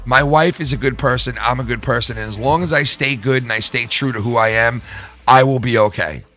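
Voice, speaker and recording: A man's voice: mid-range voice, fairly quick, pushed and bright, faint music behind. A man hosting a live show in casual livestream talk, profane, rambling and emphatic.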